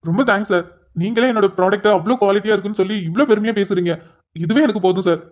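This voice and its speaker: A woman's voice: medium pitch, very fast, lightly acted. A woman voicing a young businessman husband in a cartoon, polite on calls and wailing when hurt. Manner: pleading, wailing in pain. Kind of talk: cartoon voice acting. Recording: dull lo-fi sound.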